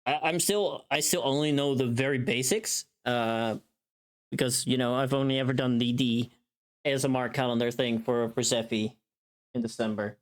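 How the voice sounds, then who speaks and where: On a livestream, a woman with a very deep voice chats casually as she works. Her speech is informal and halting, broken up by small murmurs to herself, and her tone stays steady.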